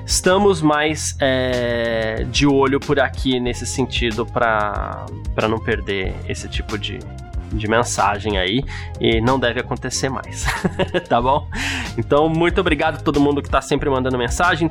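A man with a Brazilian accent co-hosting a podcast, casually answering listener messages and thinking out loud as he explains. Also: medium pitch. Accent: Brazilian Portuguese. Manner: explains at length, hedging and speculating aloud. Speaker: podcast co-host.

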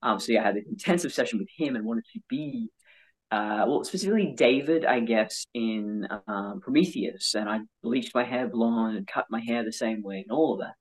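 An interview guest with a male-sounding voice, telling personal stories candidly in an animated, self-mocking way. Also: medium pitch, moderate pace, slightly rough, low-quality recording. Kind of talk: candid personal storytelling in conversation.

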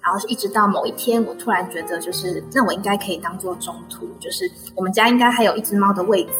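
Fast-talking Taiwanese Mandarin woman author. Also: medium pitch, music in the background. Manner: gentle, reflective storytelling with frequent filler "对". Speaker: author guest. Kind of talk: casual interview chat.

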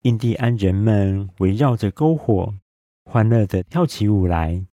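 Man, bedtime story narration, soothing and even, low mellow voice, dry close sound. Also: unhurried, no room sound, muffled recording. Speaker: storyteller, dad.

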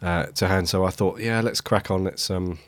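Low, croaky man with a cold. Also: steady tone, normal speed, no echo. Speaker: podcast host. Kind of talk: casual podcast chat.

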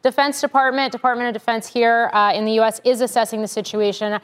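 An American woman anchoring and reporting live business and breaking news in a measured, careful way. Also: fairly high pitch, flat delivery, clean tone.

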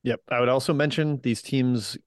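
A man's voice: medium pitch, fairly even intonation, normal speed, clear, resonant tone, dry recording, clean studio sound. A man hosting a sports betting panel chat, talking casually and passing questions to colleagues. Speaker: podcast host.

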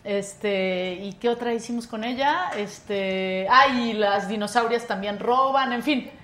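A woman's voice: medium pitch, slow, roomy sound. A woman with a Mexican accent, a cabaret performer chatting on a talk show, telling stories with repeated phrases. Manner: animated storyteller, repeats phrases. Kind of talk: casual chat.

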